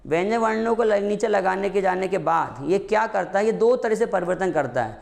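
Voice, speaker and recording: This grammar teacher's voice is high, gravelly and brisk, with lively intonation. Prepping students for exams, he calls them "beta," asks questions only to answer them himself, and goes over the key points again and again.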